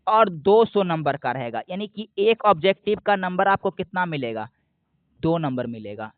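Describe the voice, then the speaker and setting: Man, high voice, exam coach explaining step by step, dry close phone-line audio. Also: no echo. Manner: asks a question, then answers it himself; repeats key points slowly. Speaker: exam prep teacher. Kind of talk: explanatory lesson. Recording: dry, phone-like narrow sound.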